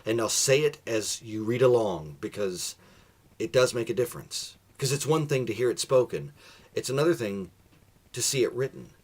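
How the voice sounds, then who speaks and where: A man hosting a comedic video monologue and telling a joke in a theatrical way, moving between loud and hushed delivery. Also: medium pitch, expressive, moderate pace. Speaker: vlog host.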